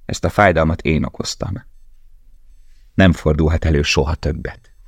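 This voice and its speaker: A man's voice: a bass voice, steady tone, slightly rough, no room sound, clean studio sound, heavily acted. A man reading as a weary, loving young prisoner. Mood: brooding. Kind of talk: audiobook dialogue.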